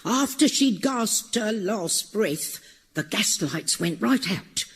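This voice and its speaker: Cheeky, blunt landlady, played by a man, high-pitched, hissy tape. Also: expressive, slow, exaggerated voice. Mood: chatty. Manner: chatty and blunt. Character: gossipy middle-aged female housekeeper, blunt and cheeky. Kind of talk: comic radio play acting.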